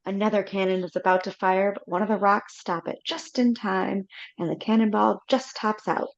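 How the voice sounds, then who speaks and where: Over a video call, a woman reads a film script's stage directions aloud in a live read-through, steady but with small slips. Her voice is medium-pitched and even, at normal speed with vocal fry, and the computer mic makes the audio slightly dull.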